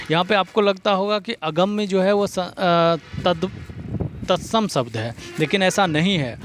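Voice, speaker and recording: A man giving an exam-prep vocabulary lesson, reading out word pairs one by one in a steady drilling rhythm. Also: a little high. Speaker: teacher.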